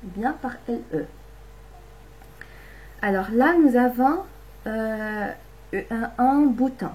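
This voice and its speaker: A woman teaching a lesson to young children at home, explaining each step slowly and patiently, sounding out syllables. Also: on the high side, darkish tone, rough recording. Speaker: primary school teacher.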